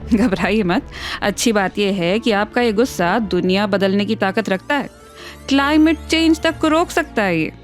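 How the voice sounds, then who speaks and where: A woman's voice: medium pitch, moderate pace, soft background music. A woman hosting a health explainer series, talking straight to viewers in a chatty, playful way. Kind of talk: conversational science explainer.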